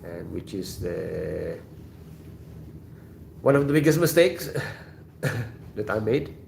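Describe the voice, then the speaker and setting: A man's voice: on the low side, big pitch swings, slow pace, vocal fry, a little mellow, roomy sound, slight background noise. A man from Indonesia hosting a casual livestream, reading viewer comments in a laid-back way and laughing often. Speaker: livestream host.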